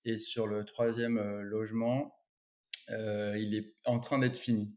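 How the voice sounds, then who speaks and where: A man's voice: on the low side, flat delivery, measured pace, darkish tone. A man from Brittany, a photographer, talking as an interview guest in a rambling way with many restarts. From Brittany, France. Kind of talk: casual interview chat.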